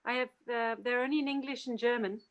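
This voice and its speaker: A woman's voice: fairly high pitch, fairly even intonation, quick pace, lo-fi sound. A woman music teacher replying casually on a video call.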